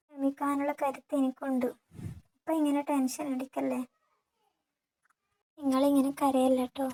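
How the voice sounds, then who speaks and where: A woman voicing a gentle, patient young wife who pleads and sobs. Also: high voice. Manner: pleading and sobbing.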